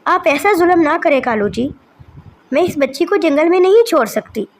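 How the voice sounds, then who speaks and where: A woman doing a soft pleading mother crow. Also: sits high, animated, measured pace, a little hiss or hum. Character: gentle grieving mother crow, female.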